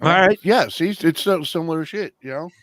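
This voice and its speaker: A man's voice: a little high, moderate pace, fairly bright tone, no room sound. A man chatting casually on a live stream panel, telling stories in a rambling way with many fillers. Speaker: panel guest.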